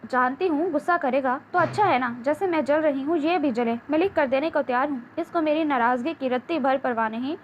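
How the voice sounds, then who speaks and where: Brief: high-voiced defiant young wife, read by a woman narrator, scolding, dull lo-fi audio with faint hiss. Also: hardly any pauses, close to an everyday voice. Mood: fuming. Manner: sharp, scolding delivery. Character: angry young wife, sharp-tongued and defiant. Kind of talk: audiobook novel reading.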